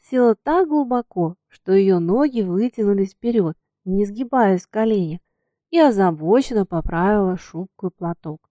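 Woman calmly narrating a story. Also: mid-range voice, no echo. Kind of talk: audiobook reading.

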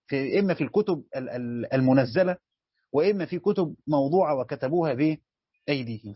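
A husky-voiced Egyptian man teaching as a sheikh, somewhat high for a man and questioning his class as he goes. He repeats key phrases to drive them home. The sound is dry and a little dull, like a lo-fi lesson recording. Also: dry recording. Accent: Egyptian Arabic. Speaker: sheikh teaching Quran commentary.

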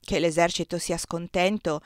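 Woman doing a fiery, loud young man. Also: fairly low pitch, fairly even intonation, normal speed, no room sound, studio quality, close to an everyday voice. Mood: resolute. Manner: forceful.

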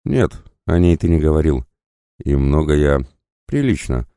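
A man voicing a calm, earnest young woman healer in an audiobook, speaking softly and steadily. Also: very deep voice, measured pace, smooth, no echo, studio quality, exaggerated voice.

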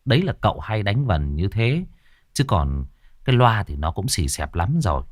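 A man narrating a ghost story in a lively, expressive way. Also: fairly low pitch, moderate pace, no echo, studio quality.

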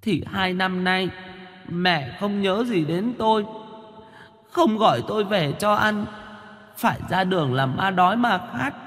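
A man's voice: sits high, animated, unhurried, fairly bright tone, long reverb tail, pitched above the performer's own voice, exaggerated voice. A man voicing the hungry ghost of a miscarried child, whining in a thin, babyish whimper. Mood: sulky. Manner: sulky, whining complaint.

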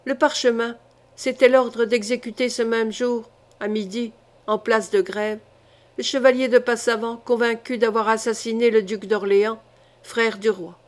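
A woman reading a historical novel aloud as an audiobook, in a measured, dramatic storytelling manner. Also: a little high, steady tone. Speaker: audiobook reader. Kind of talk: literary audiobook narration.

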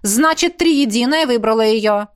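A woman's voice: fairly high pitch, expressive, a little slow, clean tone. A woman voicing a stern commanding priestess who speaks curtly and with authority. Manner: curt, authoritative.

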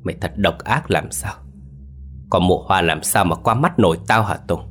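A man's voice: deep voice, moderate pace, a bit bright, soft background music. A man voicing an enraged, vengeful old man. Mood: bitter. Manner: roaring, threatening.

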